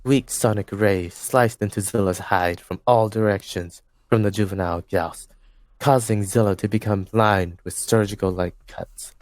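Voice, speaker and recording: A young man narrates fan fiction for a group reading from his home mic on a voice call. His voice is fairly low and his delivery stays steady. He stumbles now and then and corrects himself. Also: moderate pace, no echo. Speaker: host and narrator.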